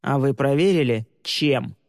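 A man voicing a cool, scheming young male driver who speaks flatly and calmly, with a quiet threat underneath. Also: mid-range voice, measured pace, vocal fry, no room sound, clean studio sound, in a large hall. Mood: coolly menacing. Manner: calm, flat and matter-of-fact, coolly menacing.

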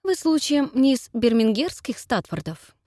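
A woman's voice: high voice, sing-song, unhurried, dark tone, no echo, studio quality, pitched above the performer's own voice. A woman reading the part of a blunt, brusque woman in her forties, curt and stern, in an audiobook.

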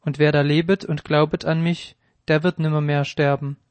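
A man reading Jesus in an old-style Bible recording, speaking in a solemn, measured way. The voice sits a little high for a man and keeps a flat, even tone. The sound is close and dry. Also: dry recording, lightly acted. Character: Jesus, a calm grave man teaching.

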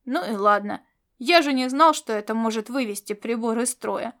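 A woman's voice: fairly high pitch, normal speed. A woman reading an audiobook and voicing a hot-tempered male space mercenary who argues back defensively. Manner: indignant, defensive, yelling back. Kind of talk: audiobook character voice.

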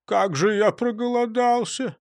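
A man's voice: high voice, unhurried, darkish tone, no echo, studio quality, voice pushed up. A man reading a storybook and voicing a greedy, cowardly male robber who whines and frets. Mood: glum. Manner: whiny and fearful.

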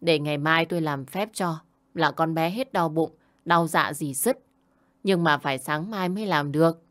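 A woman's voice: sits low, moderate pace, close to an everyday voice. A woman doing a bossy old mother-in-law. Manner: scolding, insistent.

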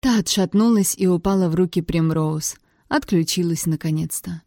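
A woman narrates a first-person novel in a low, mellow voice with a wry, sardonic edge. The recording is dry and close, with no room sound. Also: moderate pace, no echo. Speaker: audiobook narrator.

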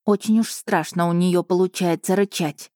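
A woman reading a first-person story aloud, measured and steady. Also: lowish voice, no room sound, studio quality. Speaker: audiobook narrator. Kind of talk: scripted first-person narration.

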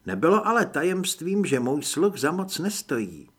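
A man reading first-person audiobook narration in an expressive way. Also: fairly high pitch, breathy edge.

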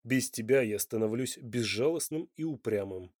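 A man's voice: mid-range voice, lively intonation, normal speed, a little mellow, no room sound, studio quality, lightly acted. A man playing a blunt, passionate, demanding Italian lover in an audiobook. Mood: insistent. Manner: blunt and insistent.

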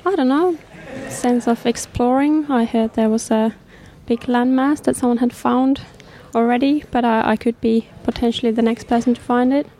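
A woman from Finland, a filmmaker guest in a casual interview, answering with dry, deadpan humor. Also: on the high side, moderate pace, hardly any pauses.

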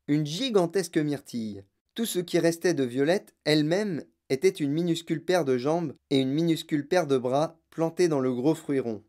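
A woman narrating a children's storybook aloud in a steady, clear way. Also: deep voice.

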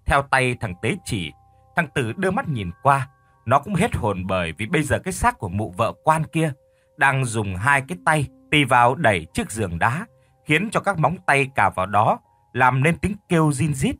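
Lively, husky male horror storyteller. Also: medium pitch, normal speed, no room sound, faint music behind. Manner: expressive, dramatic storytelling.

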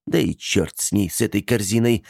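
Low-voiced male audiobook narrator, dry booth. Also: creaky, no echo. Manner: steady, measured storytelling. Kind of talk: audiobook reading.

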